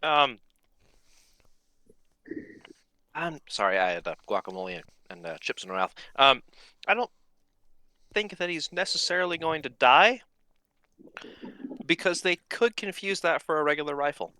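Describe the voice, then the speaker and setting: A man's voice: fairly high pitch, very animated, normal speed, long pauses, pushed and bright, clean tone, no room sound. A man in a laid-back, teasing group chat with friends on a voice call.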